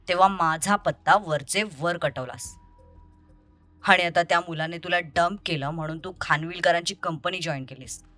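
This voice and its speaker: A woman's voice: lowish voice, bright, forceful tone, no echo, voice pushed down. Woman voicing a bitter, accusing young man. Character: angry young man confronting a deceitful ex-lover. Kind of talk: audio story reading.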